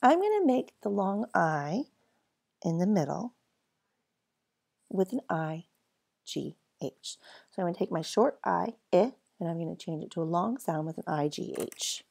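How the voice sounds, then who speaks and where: A woman's voice: lowish voice, sing-song, gravelly, a little mellow, husky. A woman teaching a phonics lesson to first graders, stretching out each sound and cheering the children on. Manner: slow, exaggerated sounding-out of letters and words; cheerful, encouraging teacher talk.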